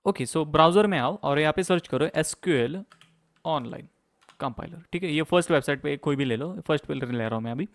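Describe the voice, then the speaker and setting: A young man teaching a course over a screen share, talking fast in a casual way and checking in often with "okay". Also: a little high. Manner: fast-talking, mixes English terms into Hindi, frequent "okay, theek hai" check-ins. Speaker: course instructor.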